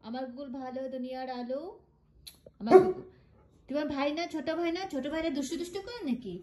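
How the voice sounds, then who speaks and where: High-voiced woman cooing to her dog. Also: quick pace, dark tone. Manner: coaxing, scolding and cooing in singsong baby talk. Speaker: pet vlogger. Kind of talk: baby talk to a pet dog.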